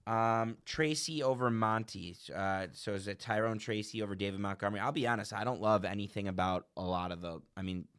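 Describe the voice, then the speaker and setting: Man, co-host, lowish voice, talks through his reasoning, self-correcting. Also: steady tone, fairly quick, few pauses, a bit bright, clean tone. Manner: thinks aloud, corrects himself. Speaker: podcast co-host. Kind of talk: casual sports chat.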